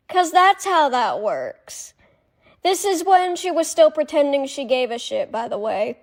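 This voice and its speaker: Woman, high voice, sarcastic commentary vlog, profane, mock-patronizing. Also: a little mellow. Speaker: commentary vlogger.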